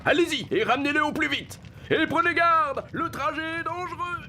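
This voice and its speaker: An actor playing an excitable, urgent grown-up in a cartoon, giving orders in a crisis. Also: male voice, very high voice, normal speed, noisy background. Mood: alarmed. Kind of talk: cartoon voice acting.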